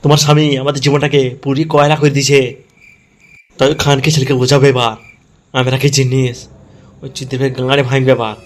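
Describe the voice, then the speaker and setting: In a comedy cartoon, a man voices a foul-mouthed, vengeful gang schemer with crude, threatening delivery, music playing behind him. His mid-range voice shows little pitch movement and runs a little fast.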